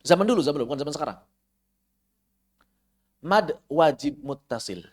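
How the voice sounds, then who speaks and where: A man with an Indonesian accent teaching Quran recitation rules in an online class. He chants the Arabic examples slowly and asks his students questions. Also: on the high side, animated. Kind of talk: online tajwid lesson. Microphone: online class microphone.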